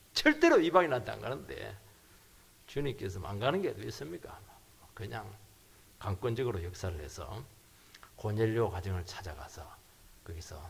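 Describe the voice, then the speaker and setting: A middle-aged pastor preaching fervently, his delivery swinging from loud cries down to hushed, almost whispered lines. His voice is gravelly and a little husky, with a lively, wide-ranging pitch. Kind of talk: sermon.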